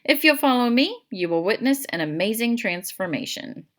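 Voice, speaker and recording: A chatty teenage girl from a children's audiobook, put on by a woman reader, pitched high and bright. She talks in a showy, formal, pleased-with-herself way, and her tone swings up and down with lively, animated shifts. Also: moderate pace, lightly acted.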